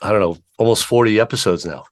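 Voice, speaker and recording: A man's voice: on the low side, fast talker. A man hosting a casual interview show over a video call from his home studio. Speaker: podcast host.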